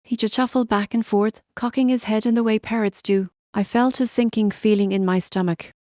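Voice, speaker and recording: A woman narrating a scripted horror story in a steady, measured way. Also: fairly high pitch, dry recording, studio quality.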